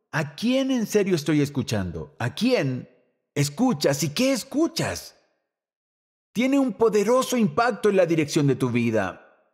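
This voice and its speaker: A man preaching a sermon to a church, animated, rising to shouts and dropping to a hush. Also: a little high. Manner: lively preaching, shouting quoted lines and dropping to near whisper. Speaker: pastor.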